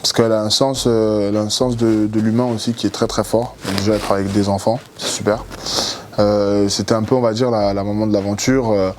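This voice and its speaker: Young man, low voice, rambling and easygoing. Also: brisk, a little hiss or hum. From Cameroon. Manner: relaxed, rambling, many fillers and repeated words. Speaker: former reality show contestant. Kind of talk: casual interview answers.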